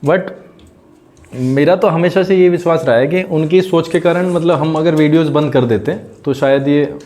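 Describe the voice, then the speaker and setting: A man's voice: fairly high pitch, moderate pace, a little mellow. A man, a teacher, speaking reflectively and hesitantly at a small celebration, with many fillers. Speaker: teacher, channel founder.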